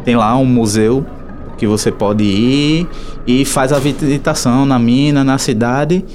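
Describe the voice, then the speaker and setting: A man with a Brazilian accent hosting a casual talk show, informal and halting, repeating his words. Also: mid-range voice, fairly even intonation, a little mellow. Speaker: radio show host. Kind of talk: casual hosted talk about travel places. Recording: music playing behind the voice. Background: instrumental music.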